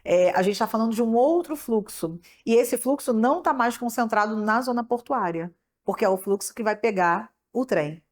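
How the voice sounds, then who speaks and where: A woman's voice: a little high, animated, normal speed, darkish tone. A woman in a documentary interview, explaining in a conversational way.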